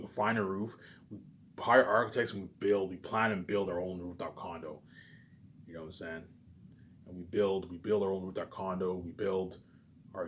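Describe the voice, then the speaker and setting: A man with a deep yet fairly bright voice rambles casually, repeating things emphatically, swearing, and often ending with tag questions for agreement. Slight background noise can be heard.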